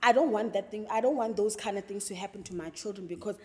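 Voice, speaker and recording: A woman's voice: mid-range voice, quick pace, breathy edge, big-room sound. A woman with a South African accent, speaking earnestly as a podcast co-host and mixing English with Sesotho in casual panel talk.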